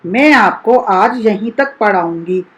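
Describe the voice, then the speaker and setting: A woman school teacher giving a recorded lesson to young children, sounding out each syllable slowly and deliberately. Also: medium pitch, animated, low-quality recording.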